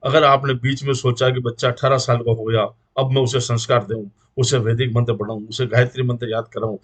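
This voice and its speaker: A man's voice: medium pitch, flat delivery, brisk. A middle-aged man with a Rajasthani Hindi accent, making an earnest moral appeal to the community as a guest speaker, preaching in rhythmic repeated lists. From India.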